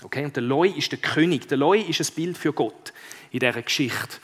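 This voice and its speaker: Preacher in a reverberant hall. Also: male voice, on the high side, brisk, fairly bright tone, breathy edge. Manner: conversational, addresses listeners directly with questions. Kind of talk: sermon with read-aloud story passage.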